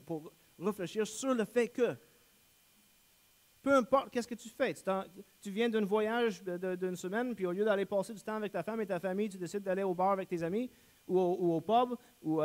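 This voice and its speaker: A young man preaches a sermon as a guest pastor, his voice sitting high for a man. He drives each point home with earnest, emphatic repetition and now and then stops to correct himself mid-phrase. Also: brisk. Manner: earnest, emphatic preaching with repeated refrains and a few self-corrections.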